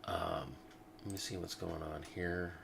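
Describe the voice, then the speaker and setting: A host with a low voice and vocal fry works through old legal texts at a measured pace, with background noise audible. He reads them aloud and comments along the way, full of fillers and asides.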